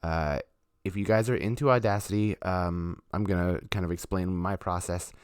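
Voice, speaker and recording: A man's voice: deep voice, fairly even intonation, normal speed, clear, resonant tone, no echo, clean studio sound. A man chatting casually on a live stream as a musician, talking loosely with lots of fillers. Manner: laid-back, rambling, chatty with fillers.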